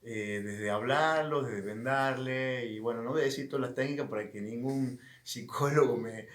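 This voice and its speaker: A man's voice: mid-range voice, normal speed, a bit bright. A man in his thirties, a pastor with an Argentine Spanish accent, preaching in a chatty storytelling way with many restarts. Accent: Rioplatense Argentine Spanish. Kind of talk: online sermon with a personal story. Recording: echoey room sound.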